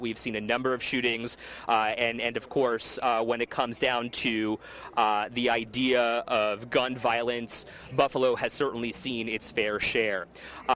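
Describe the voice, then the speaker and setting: Male reporter giving a halting eyewitness account. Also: mid-range voice, fairly bright tone. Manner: halting, improvised delivery. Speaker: field TV news reporter. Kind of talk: live eyewitness account from the scene. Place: outdoors on a street. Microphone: handheld reporter microphone.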